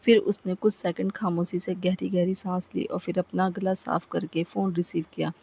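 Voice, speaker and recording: A woman narrating a romantic story, acting out the dialogue in a lively way. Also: lowish voice, normal speed, vocal fry, slightly rough. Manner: lively, acts out characters' lines.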